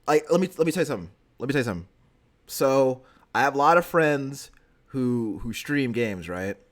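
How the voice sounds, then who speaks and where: A man's voice: medium pitch, lively intonation, a little fast. A man in his thirties co-hosting a podcast, chatting casually and joking in a playfully emphatic way. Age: 30s. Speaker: podcast co-host. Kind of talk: casual chat.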